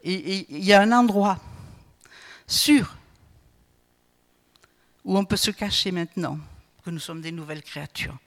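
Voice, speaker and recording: A woman's voice: lowish voice, measured pace, pauses often. A woman preaching a sermon in a chatty way, often checking in with her listeners with a questioning "hmm?" and stumbling over repeated words. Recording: long hall reverb.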